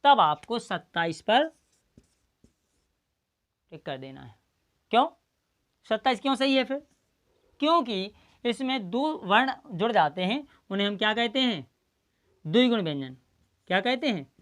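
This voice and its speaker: A woman's voice: fairly high pitch, big pitch swings, a little slow, pauses often. A woman teaching Hindi pronunciation in a classroom style. She asks her own questions, answers them, and spells out the letter sounds one by one. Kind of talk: slow classroom-style lesson.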